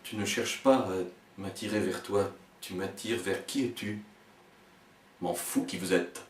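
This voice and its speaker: A man performing experimental spoken-word poetry in a fragmented delivery, stammering and repeating words, swinging between hushed murmurs and sharp outbursts. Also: low voice, measured pace, a little hiss or hum. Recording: echoey room, voice far from the mic.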